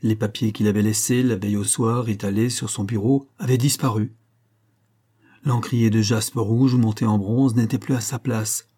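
A man reading a story aloud in measured narration, raising his voice for the characters' quoted lines. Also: on the low side, steady tone, dark tone, husky. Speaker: audiobook reader. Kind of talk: scripted narration.

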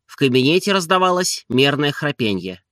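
A man reading a novel as an expressive audiobook narrator. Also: a little high, moderate pace, no room sound, studio quality. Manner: expressive storytelling.

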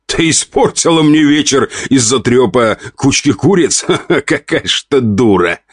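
A man's voice: lowish voice, lively intonation, brisk, dry recording, clean studio sound, pitched above the performer's own voice. A man reading an audiobook, voicing a rude, irritable count in his forties who growls and mocks his wife. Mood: irritated. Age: 40s. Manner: gruff, snapping, mocking.

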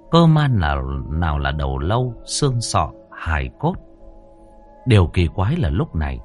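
A man narrating a ghost story audiobook in a measured, dramatic storytelling manner. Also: fairly low pitch.

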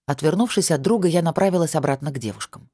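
A woman reading a first-person fantasy novel aloud in an even, measured storytelling manner. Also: low voice, breathy edge, dry recording, studio quality. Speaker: audiobook narrator.

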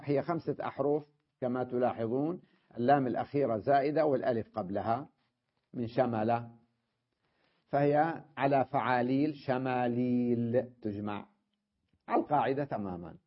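Husky Arabic grammar teacher, lo-fi. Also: male voice, medium pitch, fairly quick. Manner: explains step by step, often checking with students. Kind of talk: classroom lesson.

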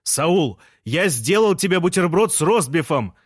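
Narrator doing a high, loud, jolly man shouting from outside, audiobook, dry sound. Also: expressive, a little fast, no echo. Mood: boisterous shouting. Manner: boisterous shouting. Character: loud cheerful ex-husband shouting from street.

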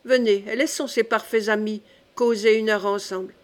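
A woman's voice: mid-range voice, fairly even intonation, normal speed, lightly acted. A woman reading the part of a playful, coaxing young duchess in an audiobook.

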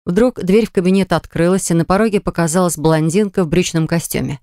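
A reader narrating a story in steady, expressive audiobook style, at a mid pitch. The voice is smooth and resonant, recorded close in a completely dry room. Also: a little fast, no echo.

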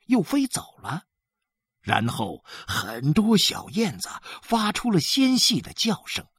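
A woman narrating a literary story in a measured, expressive storytelling manner. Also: extremely low pitch, slightly rough, no echo, studio quality.

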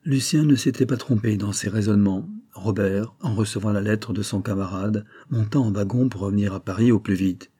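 A man reading a classic novel aloud at a slow, measured pace. His voice is low and dark, with a husky grain throughout. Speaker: audiobook narrator. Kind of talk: audiobook narration of a classic novel.

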